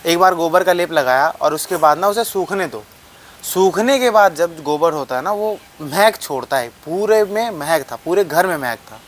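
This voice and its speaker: Filming on his phone, a young man gives a casual vlog tour of an old mud house, addressing viewers straight on as he rambles and repeats himself. He has a fairly high, lively voice at normal speed, and there's slight background noise.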